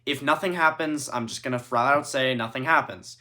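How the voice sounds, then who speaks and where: A man's voice: mid-range voice, brisk, bright, forceful tone, distant mic. Casual man vlogging in an echoey room. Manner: informal, frequent "like" and "basically". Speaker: host of an experiment video series. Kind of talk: casual explanatory vlog chat. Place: indoors, later in an echoey bathroom. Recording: roomy echo.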